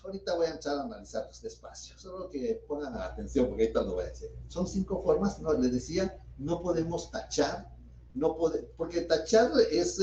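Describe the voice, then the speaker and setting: A man's voice: on the high side, dark tone, slight background noise. A middle-aged man teaching a law class as a notary, explaining step by step and asking his own questions before he answers them. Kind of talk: university lecture. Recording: dull roomy audio from a distant mic.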